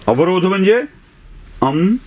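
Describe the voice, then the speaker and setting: Slow, lively-voiced male lecturer. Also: high-pitched. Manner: asks rhetorical questions and sounds out letters one by one. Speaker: journalism teacher. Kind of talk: classroom lecture.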